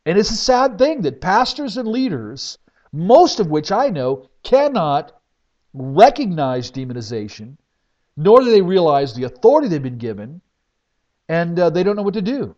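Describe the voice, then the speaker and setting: A man preaching as a pastor, telling stories in an emphatic way with sudden swings between loud and soft. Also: sits high, big pitch swings, moderate pace. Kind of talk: sermon testimony. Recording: dull lo-fi recording.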